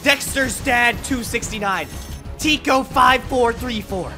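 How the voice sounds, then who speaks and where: Man through a squeaky voice changer. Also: takes it slowly, music in the background. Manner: playful, self-mocking, excitable. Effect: voice changer raising the pitch. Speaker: gaming video creator. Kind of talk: live gameplay commentary.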